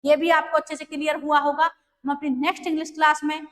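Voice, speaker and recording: A woman's voice: high-pitched, little pitch movement, brisk, a bit bright. A woman teaching an English grammar lesson, patiently repeating and restating each point.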